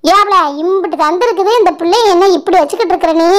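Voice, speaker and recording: A woman's voice: extremely high pitch, quick pace. A woman voicing a bossy, grumbling village grandmother in a doll show. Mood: scolding. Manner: scolding, complaining village Tamil.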